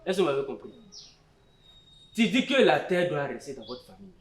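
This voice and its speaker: A man plays a patient village chief with an Ivorian French accent, steady and instructive. His voice sits a little high. The room rings with echo. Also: a little fast. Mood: calm. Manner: calm, authoritative, instructive. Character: village chief mediating a land dispute, patient adult man. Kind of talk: community theatre acting.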